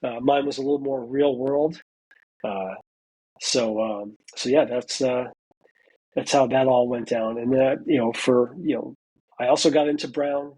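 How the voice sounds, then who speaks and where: A man's voice: medium pitch, unhurried, a little mellow, slight background noise, poor audio. A man in his forties, a military veteran now in college, telling a story in a casual interview, with many fillers and acted-out quotes. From United States. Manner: chatty, lots of "you know" fillers, acts out quoted dialogue. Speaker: interview guest, veteran student.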